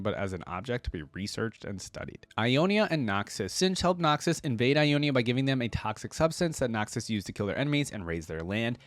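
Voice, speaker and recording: In a dry recording, a man with a lowish voice reads game lore for his reaction video. Between passages he chimes in with casual, slangy commentary.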